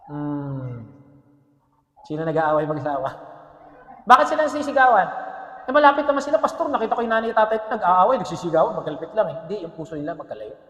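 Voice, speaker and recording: Bright, high-voiced man preaching in an echoey hall. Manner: lively, joking, keeps asking the congregation "Amen?"; mixes English phrases into his preaching. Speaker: pastor. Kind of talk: sermon. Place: church hall. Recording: echoey church hall with long reverb.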